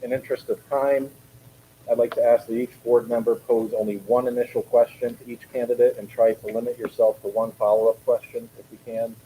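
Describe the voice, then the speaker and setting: A man chairing a school board meeting, laying out the procedure in a steady, procedural way with small restarts, speaking from a board table in a meeting room. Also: medium pitch, a little fast, a little hiss or hum, rough recording. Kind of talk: running a public meeting.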